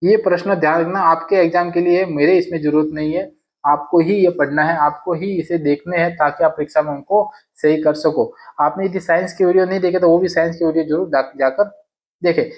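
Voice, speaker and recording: Teacher drilling grammar questions. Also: male voice, fairly high pitch, fairly even intonation, brisk. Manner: repeats sentences aloud, asks and answers his own questions. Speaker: exam prep teacher. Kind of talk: casual classroom explanation. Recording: dull lo-fi sound.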